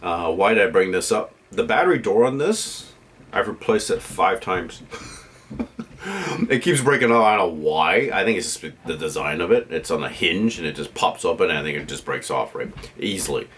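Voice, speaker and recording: A man's voice: low-pitched, expressive, moderate pace, fairly bright tone, a little hiss or hum. A man vlogging a casual, unscripted gear review in a rambling, opinionated way, often checking in with the listener.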